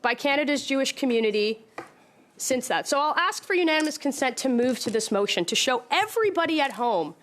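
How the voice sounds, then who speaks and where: A woman member of parliament arguing her point in a committee hearing, halting and repeating herself but insistent. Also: sits high, big pitch swings, fairly bright tone, slight background noise. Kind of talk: committee debate.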